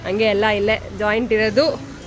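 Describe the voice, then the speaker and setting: A woman's voice: mid-range voice, steady tone, moderate pace. A young woman chatting casually for her vlog in a family home, laughing often and putting questions to the people around her. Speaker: vlogger. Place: family home at an engagement function.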